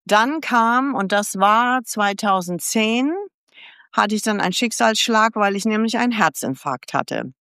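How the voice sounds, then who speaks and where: A woman of around seventy, born in the US, shares her life story as a podcast guest in a relaxed interview, frankly and chattily acting out past exchanges. She speaks a little slowly in a smooth, resonant mid-pitched voice, recorded close and dry with no room sound.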